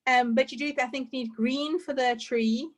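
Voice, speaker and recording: A woman's voice: high voice, steady tone, moderate pace, low-quality recording. Chatty woman teaching on a video call. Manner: chatty, scattered, says "like" often. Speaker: online baking class teacher. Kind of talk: casual chat while teaching a video-call class. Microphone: computer mic on a video call.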